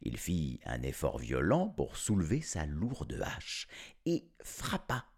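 A man's voice: very deep voice, huge pitch swings, slow pace, vocal fry, breathy edge. A man telling a fairy tale casually, with playful slangy asides and chuckles. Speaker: storyteller. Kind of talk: casual storytelling.

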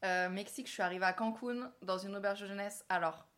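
A young woman hosting a casual podcast chat, telling travel stories with a lively, laughing manner. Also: mid-range voice, fast. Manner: lively storyteller, laughs often. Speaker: podcast host.

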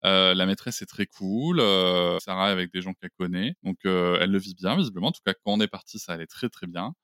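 Chatting casually as a podcast guest, a Bordeaux-area Frenchman in his forties keeps hesitating and starting over. The sound is clean studio audio without room sound, carrying his low-pitched, brisk, slightly bright voice.

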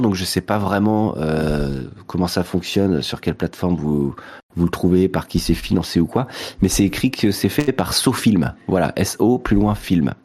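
A man with a low voice talks through a recommendation in relaxed podcast chat. He hesitates often, filling gaps with "euh" and trailing lists of "et cetera". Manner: hesitant, many fillers and repeated "et cetera". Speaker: podcast co-host.

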